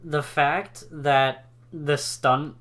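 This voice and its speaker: A man's voice: a little high, steady tone, extremely slow, a bit bright. A man co-hosting a casual podcast chat, rambling enthusiastically with lots of fillers. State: hiccups. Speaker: podcast co-host.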